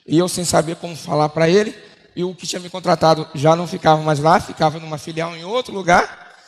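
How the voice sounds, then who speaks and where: A man's voice: steady tone, fast. Brazilian man preaching a testimony in a hall. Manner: storytelling, acts out dialogue with shifting pitch. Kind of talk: sermon testimony. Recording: long hall reverb.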